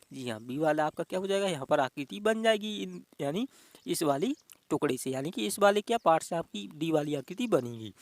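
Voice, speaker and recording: A man with a high-pitched voice walks students through an exam-prep reasoning lesson. He talks in a coaxing, repetitive way and keeps checking that the viewers follow along. The sound is dry and close. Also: no echo. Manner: repetitive, coaxing, addresses viewers as dear friends. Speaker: teacher.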